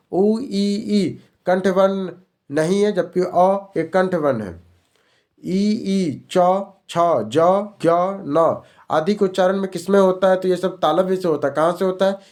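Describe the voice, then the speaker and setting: A man's voice: high voice, darkish tone. A male teacher running an exam-prep grammar lesson, repeating each question and answer as a drill.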